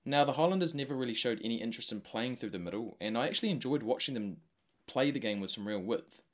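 A man's voice: medium pitch, lively intonation, fast talker. A man hosting a solo sports podcast, giving a semi-scripted recap in informal, slangy language.

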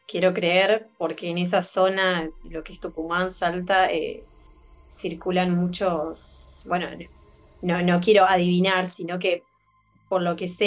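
A woman's voice: lowish voice, dull audio. A woman co-hosting a podcast and interviewing a guest in a chatty way. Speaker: podcast co-host. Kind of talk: casual interview.

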